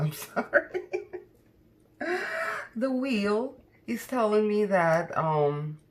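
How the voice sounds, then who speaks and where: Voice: medium pitch, slight background noise. A tarot card reader talking casually to viewers in a conversational, cautioning way, often tagging questions onto statements.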